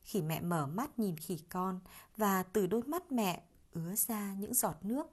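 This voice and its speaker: A woman narrating a children's story in a gentle, expressive storybook manner. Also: mid-range voice, unhurried, slightly rough.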